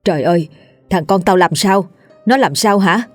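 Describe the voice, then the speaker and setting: A woman's voice: lowish voice, normal speed, dry recording, soft background music, close to an everyday voice. A woman voicing a greedy, shrewish village landlord's wife who scolds shrilly. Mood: panicked.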